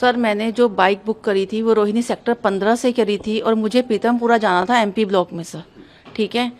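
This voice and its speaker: A woman's voice: mid-range voice, steady tone, moderate pace, darkish tone. A woman giving an emotional first-hand account to a reporter, urgent and agitated as she tells it. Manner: urgent, agitated, talks straight on. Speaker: interviewee recounting an incident.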